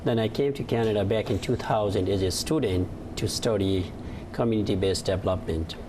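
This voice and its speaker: A man's voice: lowish voice, fairly quick. Earnest man. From Nepal. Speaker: guest, settlement services manager. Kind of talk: studio interview. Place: TV studio set. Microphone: lapel. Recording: audible background noise.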